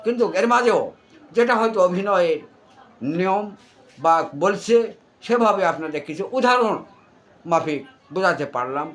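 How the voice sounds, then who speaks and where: Older Bangladeshi man, somewhat high voice. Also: lively intonation, normal speed, long pauses, a bit bright. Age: 60s. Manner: wordy, repetitive explaining. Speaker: interview guest recalling village folk theatre. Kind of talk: informal interview recollection.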